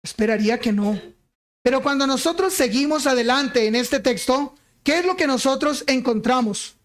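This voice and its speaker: A man preaching a sermon, speaking deliberately and asking the congregation rhetorical questions. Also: very high voice. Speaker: pastor.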